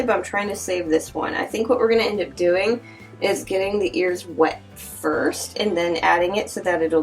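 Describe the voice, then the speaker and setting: A woman casually chatting and thinking aloud while she works on art in a vlog, sometimes dropping to a soft whisper, a little sniffly. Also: medium pitch, distant mic, poor audio. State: sniffly from allergies. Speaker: artist vlogger. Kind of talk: casual crafting vlog chat. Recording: voice a little off-mic, faint music behind.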